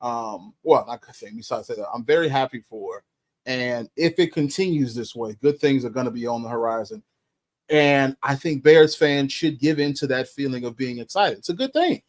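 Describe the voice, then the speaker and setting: This podcast co-host has a mid-range voice and a moderate pace. Chatting casually about sports, he's thoughtful and hedges often, punctuating his points with ums.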